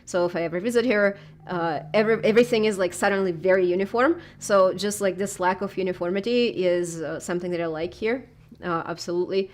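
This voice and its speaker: A YouTuber in her thirties from southern Russia is being interviewed, her Russian-accented voice medium in pitch, quick, and somewhat dark. She chats casually but hesitantly, packing her speech with filler words.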